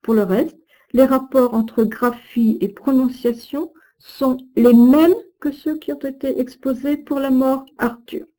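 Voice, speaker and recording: Lady reading a recorded lesson, slow careful words, every syllable stressed. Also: high voice, steady tone, dark tone, rough recording. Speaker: teacher of Old French. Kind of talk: recorded course lesson with recited verse.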